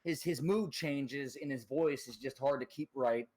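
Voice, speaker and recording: A man joins a stream as a voice-chat guest and talks about voice impressions in a rambling, hesitant, self-conscious way. He speaks a little slowly with a medium pitch and a slightly mellow tone.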